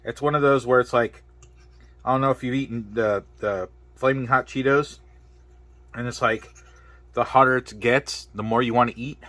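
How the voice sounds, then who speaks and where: A man's voice: medium pitch, steady tone, moderate pace, long pauses, fairly bright tone, no room sound. A man casually reviewing spicy noodles on camera, exclaiming between bites as the heat builds. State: mouth burning from spicy food. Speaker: product reviewer. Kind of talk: casual food review vlog.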